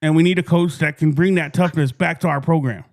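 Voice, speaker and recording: A man hosts a casual sports talk show. His voice sits a bit high for a man. He is folksy, clears his throat often and repeats words as he gets going. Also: fairly even intonation, a little fast. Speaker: podcast host.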